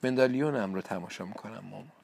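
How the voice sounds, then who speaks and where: A man reading a storybook aloud, voicing a timid, gentle young girl with a slightly raised voice. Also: lowish voice, gravelly, no echo. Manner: hesitant, soft-spoken.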